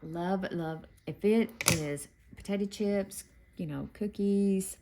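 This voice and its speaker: Against heavy background noise, a middle-aged woman takes things slowly in a mid-range voice, talking through a quilting block in her home sewing room. As the host of this casual sewing tutorial, she chats in a folksy way as she works.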